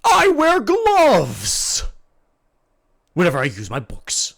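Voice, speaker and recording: A man voicing a big, dopey sweet himbo who is loudly and aggressively positive in a tabletop game. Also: high voice, wildly swooping pitch, slow pace, creaky, voice pushed up, heavily acted. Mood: earnest. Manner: dopey, sweet, bombastic and earnestly loud.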